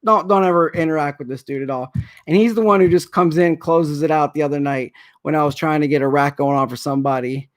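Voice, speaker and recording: Talking fast in a fairly high voice, a thirtysomething sports card breaker hosts a livestream with casual chatter. He's emotional, wanders on at length, and says the same things over again.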